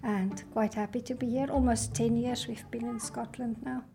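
A woman from South Africa with a fairly high voice answers interview questions. She speaks warmly and appreciatively. Faint music plays under her. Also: fairly even intonation, moderate pace, gravelly.

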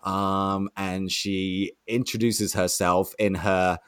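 A man's voice: low voice, slow pace, smooth, no room sound, studio quality. A young man telling a story in conversation, acting out the other voices in it. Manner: animated storyteller, acts out quoted voices.

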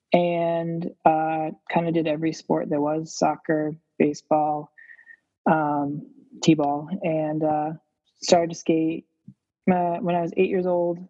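A man's voice: a little high, husky, no echo, dull audio. A man in his thirties, a skating coach, answering interview questions steadily with fillers. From Massachusetts, USA. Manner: steady, flat delivery with fillers.

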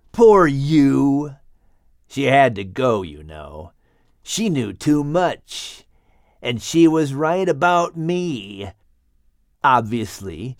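A man doing a sly, slow-drawling villain snake. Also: dry recording, studio quality. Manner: slow, silky, mocking drawl with sweeping pitch. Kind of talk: storybook character voice.

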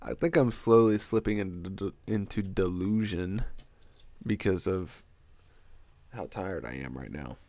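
Rambling through his solo podcast, this young host sounds congested and stuffy-nosed, joking crudely and wandering onto tangents. His voice sits fairly low with a dark tone, animated yet at a measured pace. The recording is dry and close, with no room sound.

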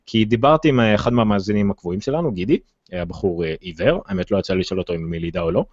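A man with an Israeli accent hosting a casual tech discussion, speaking haltingly with many filled pauses. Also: lowish voice, animated. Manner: hesitant, halting delivery with frequent filled pauses. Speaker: tech podcast host. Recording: dull, roomy, lo-fi sound.

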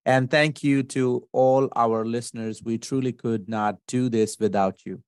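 Male podcast host, relaxed and informal, dry studio audio. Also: medium pitch, unhurried, clear, resonant tone, dry recording. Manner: easygoing, informal with fillers. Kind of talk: interview hosting.

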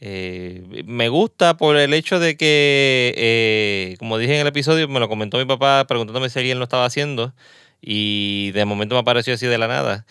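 A man's voice: mid-range voice, normal speed, sharp tone, clear, resonant tone, no echo. A Puerto Rican man hosting a podcast in a small studio, chatting casually and drifting into asides. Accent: Puerto Rican Spanish. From Puerto Rico. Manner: chatty, laughs often, trails into asides. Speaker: podcast host. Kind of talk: casual interview chat.

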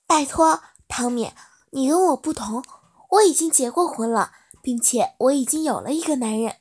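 A woman's voice: high voice, animated, moderate pace, slightly rough, full character voice. A woman voicing a caring, worried widowed mother in a storybook reading, speaking in a coaxing way. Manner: warm, coaxing, concerned.

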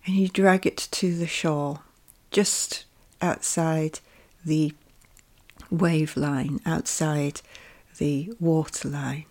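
A woman leading a guided meditation with calm, gentle instructions, her soft voice often drifting into a whisper. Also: low voice, drawn-out words.

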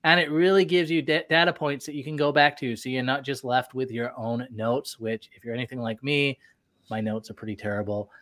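A man's voice: mid-range voice, steady tone, brisk, fairly bright tone, dry recording, studio quality. A man hosting a live recruiting podcast, upbeat and promotional, a bit nasal from a cold. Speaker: podcast host. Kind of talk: live show chat.

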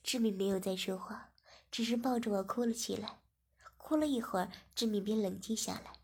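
A woman narrating a story in a plain, steady reading manner. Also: mid-range voice, fairly quick, breathy edge.

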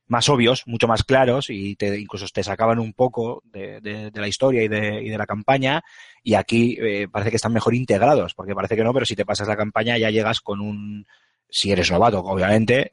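A man's voice: on the low side, fairly even intonation, fairly quick, dry recording, clean studio sound. A man with a Castilian Spanish accent hosting a casual group game discussion, bantering and correcting himself as he goes. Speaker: podcast host.

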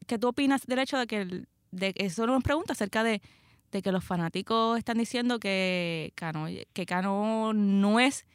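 A woman's voice: mid-range voice, fairly bright tone, clean tone, no echo, studio quality. A Puerto Rican woman hosting a casual sports chat, emphatic and often repeating her phrases for weight. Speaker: sports podcast host.

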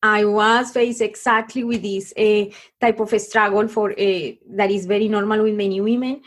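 A middle-aged Colombian podcast guest talks through her life story in a mid-range, level tone. She comes across as earnest, pausing and restarting many times.

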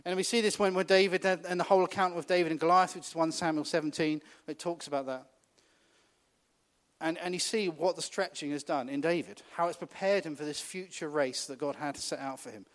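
Male preacher, slightly higher voice, casual sermon delivery with rhetorical questions. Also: steady tone, fairly quick. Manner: conversational, laughs often, asks the congregation questions.

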